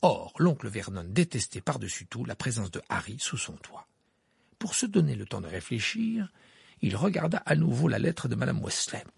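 Male audiobook narrator, expressive and animated, gravelly and husky, dry studio sound. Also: mid-range voice, moderate pace, dry recording. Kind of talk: scripted narration.

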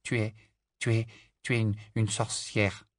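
A man's voice: fairly high pitch, huge pitch swings, measured pace, pushed and bright, dry recording, pitched above the performer's own voice, heavily acted. A man reading an audiobook, voicing an awkward, eager boy who stammers nervously. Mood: hushed.

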